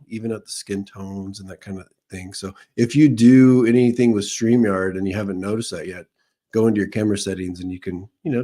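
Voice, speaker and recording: Low mellow-voiced man chatting on a live stream. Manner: rambling and chatty, reading out viewer names. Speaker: psychic medium hosting a live stream. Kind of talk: casual live-stream chat with viewers. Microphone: streaming microphone.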